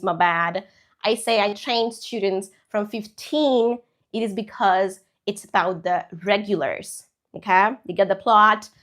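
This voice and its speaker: Here a chatty, animated woman teaches English on a live stream, her voice at a medium pitch. Hindi is her first language, and she peppers the lesson with frequent asides and tag questions.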